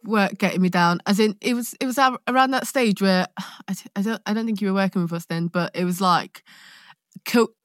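Speaking a little fast at medium pitch, a woman from London, born in Nigeria, chats as an actor guesting on a podcast. With her London accent she is informal and expressive, thoughtful with playful asides, and the studio-quality recording is dry.

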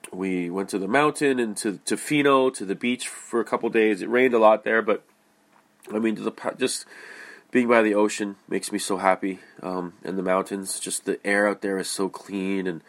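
A man with a lowish, fairly bright but stuffy, nasal voice records a solo podcast, meandering casually through his monologue. He leans on fillers and keeps restarting his sentences.

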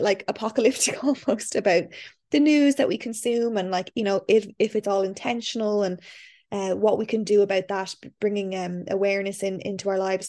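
An Irish woman speaks as a podcast host. Her voice is average in pitch. She talks to listener and guest in a chatty, effusive manner. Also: darkish tone. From Ireland. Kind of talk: scripted podcast introduction, then casual interview chat.

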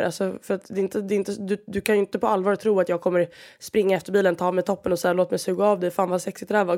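A woman's voice: mid-range voice, a little mellow. Young female podcast host in her 20s, casual solo monologue, blunt, exasperated, profane, lots of restarts. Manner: frank and exasperated, swears often, many restarts.

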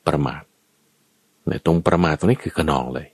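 A man with a low voice that rises and falls a great deal gives a dharma lesson point by point, dropping in everyday examples as he goes. The sound is dry and close, with no room around it. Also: animated, a little fast, creaky, husky, no echo. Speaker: dharma teacher. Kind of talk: conversational Buddhist teaching.

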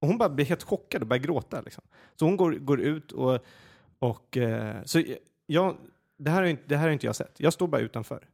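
Creaky-voiced man telling a story. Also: a little high, hardly any pauses. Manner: animated, many fillers and restarts. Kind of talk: casual storytelling.

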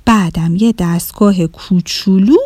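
A woman narrating a children's storybook in an expressive, gentle way. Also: mid-range voice, husky, no room sound.

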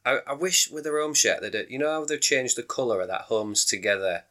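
A man co-hosting a casual sports podcast, chatty and quick to laugh. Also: mid-range voice, animated, sharp tone. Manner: chatty, laughs readily, trails off mid-sentence. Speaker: podcast co-host. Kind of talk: casual chat.

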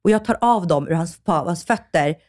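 A woman in her thirties co-hosting a podcast in casual chat, telling stories with lively acted-out quotes. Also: fairly low pitch, no echo, clean studio sound. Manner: animated storyteller, acts out what others said. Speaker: podcast co-host.

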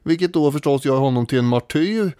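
A man co-hosts a casual history podcast in a warm, mellow voice. He speaks thoughtfully, stopping often on fillers as he works out his points. The sound is close and dry, with no room around it. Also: a little high, expressive, smooth, no echo. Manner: thoughtful, hesitant with many fillers. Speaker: podcast co-host.

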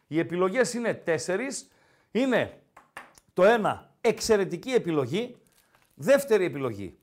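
A man with a Greek accent hosting a casual sports talk podcast, who teases his co-host and keeps repeating his name. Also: high voice. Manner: teasing, animated, repeats the co-host's name.

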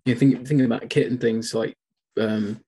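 A man co-hosting a podcast, chatty and telling stories with animated quoted asides. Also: mid-range voice, normal speed, breathy edge. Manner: chatty storyteller, animated quoting. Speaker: podcast co-host. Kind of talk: casual podcast chat.

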